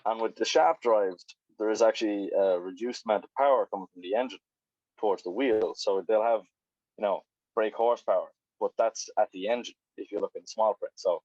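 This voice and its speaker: Low-voiced man on a muffled call. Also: fairly quick, a little mellow, no room sound. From Ireland. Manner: rambling, swears then apologizes. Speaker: biker guest on a video call. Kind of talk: casual chat. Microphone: video call. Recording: dull lo-fi video call audio.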